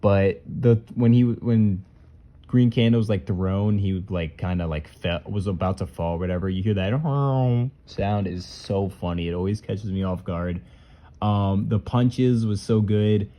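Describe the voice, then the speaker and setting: A man's voice: on the low side, measured pace, dull audio. A man who makes puppet skits, casually talking through and ranking them in a loose, rambling way. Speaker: puppet skit creator. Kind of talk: casual commentary reviewing skits.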